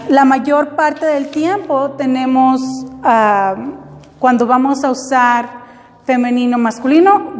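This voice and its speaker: A woman's voice: sits high, big-room sound. A woman teaching an English grammar lesson in a classroom, explaining patiently step by step and checking in with her students.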